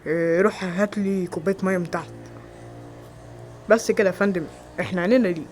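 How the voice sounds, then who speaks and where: A man with an Egyptian Arabic accent acting several everyday roles in a homemade skit, with quick, exclamatory lines. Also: high-pitched, steady tone, soft background music, lightly acted. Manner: quick, loud, exclamatory dialogue. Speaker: amateur actor.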